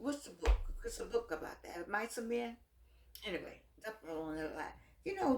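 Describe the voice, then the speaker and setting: Lady with no teeth, sassy folksy chat, voice swings up and down a lot, roomy echo. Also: lowish voice. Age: middle-aged. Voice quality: toothless, slightly soft articulation. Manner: animated, sassy, folksy, repeats phrases for emphasis. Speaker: vlogger. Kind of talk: casual chat, rambling advice to viewers. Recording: echoey room.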